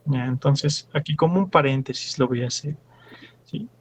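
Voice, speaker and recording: A man's voice: medium pitch, moderate pace, slight background noise. A young man with a Bolivian Spanish accent, a teaching assistant working through problems step by step in class and quizzing his students. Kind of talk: classroom lecture.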